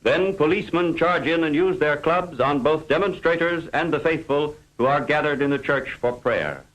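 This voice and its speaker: Man narrating an old newsreel, higher-pitched voice. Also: normal speed, a bit bright, low-quality recording. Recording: old newsreel film soundtrack.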